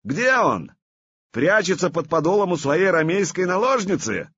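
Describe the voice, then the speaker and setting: A man voicing a proud, commanding warrior prince who shouts across a battlefield in a storybook reading. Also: high voice, sing-song, normal speed, slightly rough, no room sound, highs cut off, voice pushed up, full character voice. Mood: booming commanding.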